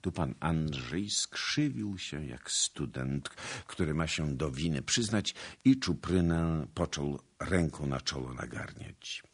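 Deep, husky male audiobook narrator. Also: animated, slow. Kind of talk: audiobook narration of a classic novel.

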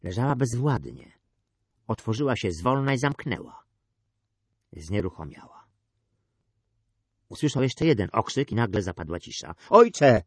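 Low-voiced male audiobook narrator. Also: very animated, normal speed, long pauses, slightly rough, no echo, studio quality. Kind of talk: scripted narration.

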